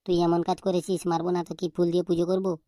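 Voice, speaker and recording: Cartoon teacher, male, stern and threatening; woman voices him low, dark and fast, flat delivery. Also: dry recording, studio quality, lightly acted. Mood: scolding. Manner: threatening, interrogating, quick-talking. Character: stern, scolding male schoolteacher. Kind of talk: cartoon voice acting.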